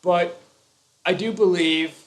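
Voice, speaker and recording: A man's voice: high-pitched, fairly even intonation, slow pace. A man hosting a casual live stream, explaining his views at length with fillers and restarts.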